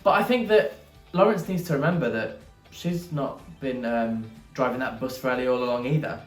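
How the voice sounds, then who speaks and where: A man's voice: mid-range voice, brisk. A man co-hosting a casual review chat, chatty and detailed about how things are made. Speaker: podcast co-host. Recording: echoey room, distant mic, faint music.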